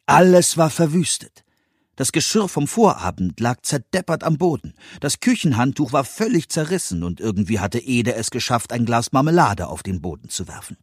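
A man reading a children's story aloud as narrator, very lively and expressive. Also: mid-range voice, brisk, hardly any pauses, breathy edge, dry recording, clean studio sound.

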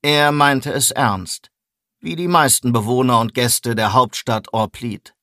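Ein Erzähler in gewöhnlicher Männerstimmlage trägt eine Ich-Erzählung ruhig und stetig vor. Der Klang ist trocken und dicht am Mikrofon, ganz ohne Hall. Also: male voice, medium pitch, a little slow, pushed and bright, clean studio sound. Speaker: audiobook narrator. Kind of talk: scripted first-person narration.

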